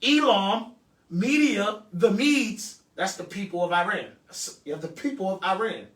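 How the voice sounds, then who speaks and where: A man's voice: sits high, unhurried, fairly bright tone. A man leading a classroom Bible lesson, cutting in with jokes and telling the reader to go on. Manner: joking asides, directs the reader, repeats verses. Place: echoey classroom. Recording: echoey room, distant mic.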